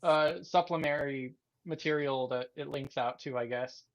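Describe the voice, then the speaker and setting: A fairly high-voiced man comes through a tinny, tin-can-sounding mic that turns his voice dull and lo-fi. He sounds set back from the mic and talks in a halting, filler-heavy way during a casual tech stream. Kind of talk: casual tech livestream chat.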